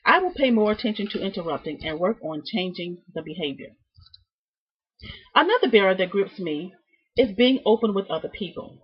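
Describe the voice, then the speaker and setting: A student presents a class project, reading a prepared speech from her notes with deliberate, emphatic phrasing and halting repeats. Her mid-range voice is animated and husky, and the lo-fi recording sounds dull and muffled.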